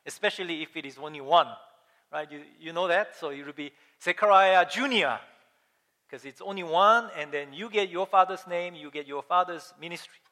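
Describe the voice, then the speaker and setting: A man preaching a sermon as pastor, emphatic and animated, asking his listeners questions as he explains scripture. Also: a little high, moderate pace. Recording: long hall reverb.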